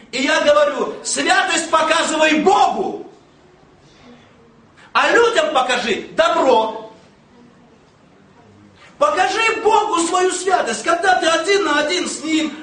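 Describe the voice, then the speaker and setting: A man preaching a sermon, emphatic and storytelling with humor, bursting into shouts at times. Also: very high voice. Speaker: pastor. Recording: echoey room, mic at a distance, faint noise.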